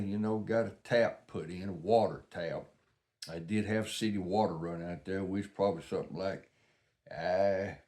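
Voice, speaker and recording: Older male, Southern US accent, lowish pitch, casual folksy storyteller, unpolished and rambling. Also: a little mellow. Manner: folksy, plain-spoken reminiscing. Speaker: vlogger.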